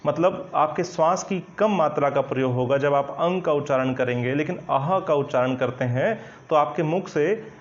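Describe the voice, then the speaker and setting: A man with a somewhat high voice gives a Hindi grammar lesson and explains each point patiently and step by step. He keeps checking that students follow and fills his pauses with hesitations. The recording sounds dull and lo-fi. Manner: explanatory, repeats "ठीक है ना" often, hesitant fillers. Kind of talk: online coaching lesson at a whiteboard.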